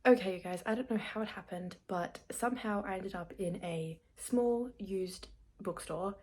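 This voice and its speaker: At a moderate pace, a woman with a darkish, mid-range voice talks to camera. She's a vlogger of about 19, soon to be 20, whose casual confessional chat is dramatic, wandering and self-mocking.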